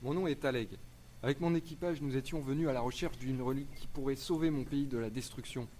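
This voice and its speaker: An earnest, formal shipwrecked traveler on a quest, played by a man. He speaks at an ordinary pitch, with faint noise around him. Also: quick pace, darkish tone, distant mic, close to an everyday voice.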